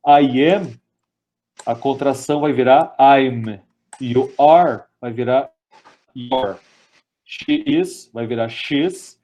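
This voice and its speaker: Speaking with a Brazilian Portuguese accent, a male lecturer runs a grammar lesson over webinar in a warm, mid-range voice. He walks through the material step by step and reads English examples aloud slowly.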